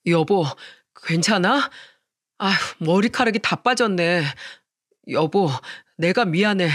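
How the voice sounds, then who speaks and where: A grown son torn between his mother and his wife, voiced by the storyteller, in a radio drama. He speaks earnestly and apologizes tenderly, in a middle-pitched voice. The recording is dry and close. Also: takes it slowly, a bit bright, no room sound. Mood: apologetic, tender. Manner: earnest and pleading. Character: pleading, protective grown son and husband.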